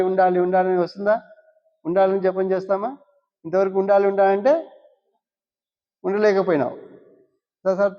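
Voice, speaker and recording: A high-voiced man gives a spiritual discourse. He poses questions to his listeners and answers them himself, repeating key words. The recording is dull and lo-fi, and a long hall reverb trails each phrase. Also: darkish tone. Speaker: spiritual teacher.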